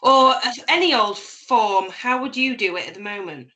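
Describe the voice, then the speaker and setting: A woman's voice: medium pitch, animated, normal speed, sharp tone. A woman talking candidly with her coach on a video call, open about what she likes and dislikes. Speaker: coaching client.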